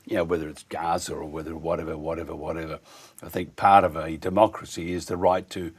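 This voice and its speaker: A male radio host with a low, husky voice chats through an interview. He is opinionated and rambles haltingly from thought to thought. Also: little pitch movement.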